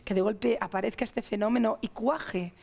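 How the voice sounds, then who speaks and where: Middle-aged Spanish-accented woman, TV interview guest, raised pitch, fry in the voice, emphatic and listing. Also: normal speed, a little mellow. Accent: Spanish (Spain). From Spain. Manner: emphatic, listing ideas in long chains.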